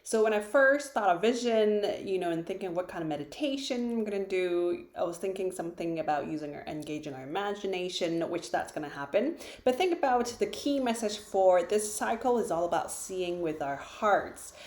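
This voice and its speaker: A woman who founded a retreat, guiding a meditation in a gentle, unhurried way with soft pauses, seated in her living room. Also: fairly low pitch, lively intonation, reverberant. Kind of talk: guided meditation. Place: living room, sitting on a floor cushion.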